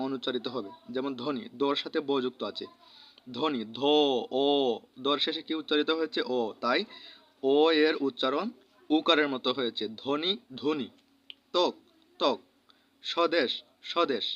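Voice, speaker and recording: Man, Bangladeshi Bengali accent, grammar lesson, bright tense voice, repeats examples, muffled recording. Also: a little high. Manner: slow, repeats each example word. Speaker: teacher. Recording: dull lo-fi recording.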